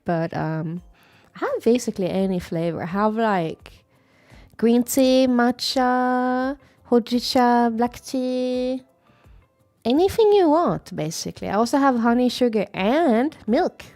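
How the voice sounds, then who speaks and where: A woman VTuber chatting casually on a live stream, playful and rambling, with sudden squeaky greetings. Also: measured pace, darkish tone. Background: faint background music.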